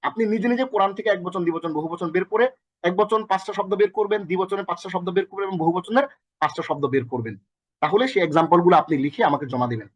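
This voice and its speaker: Fast, high-voiced male Arabic teacher. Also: no echo, muffled recording. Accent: Bangladeshi. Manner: energetic, repeats and quizzes the listener. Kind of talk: recorded online lesson.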